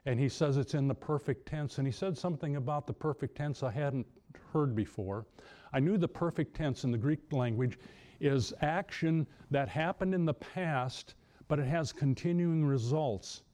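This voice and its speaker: Male preacher with a mellow voice, halting delivery, lifts his pitch for emphasis. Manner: halting, many restarts, rises high for emphasis. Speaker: pastor. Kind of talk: sermon.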